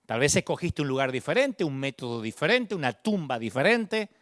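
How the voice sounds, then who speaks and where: Dramatic preacher man, lively voice. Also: a little fast, no echo, clean studio sound. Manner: dramatic, shifts from booming calls to hushed murmurs. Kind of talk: sermon.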